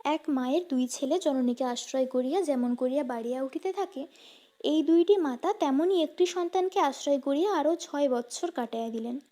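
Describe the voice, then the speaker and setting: A woman narrating a classic story aloud in a steady, measured way. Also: high voice.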